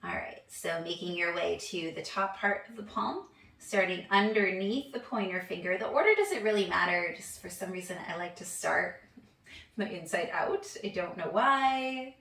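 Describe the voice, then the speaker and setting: A young woman guides a hand massage practice in a relaxed, chatty way. Her voice is low with a gravelly edge. She sounds a little away from the mic in an echoey room. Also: moderate pace, distant mic, a little hiss or hum. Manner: relaxed, chatty, laughs at herself. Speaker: yoga instructor.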